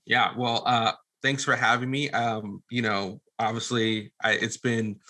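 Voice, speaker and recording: A filmmaker and former pastor, appearing as a podcast guest, tells stories in a casual, earnest way that rambles a little. His mid-range voice has a sharp tone, a level delivery and an unhurried pace.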